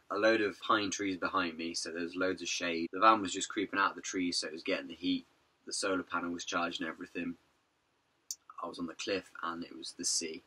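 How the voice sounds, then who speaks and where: Low raspy guy rambling through his van trip vlog, bit hoarse, punchy tone. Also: bright, forceful tone. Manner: rambling, chatty storytelling. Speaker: vanlife vlogger. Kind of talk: casual vlog narration.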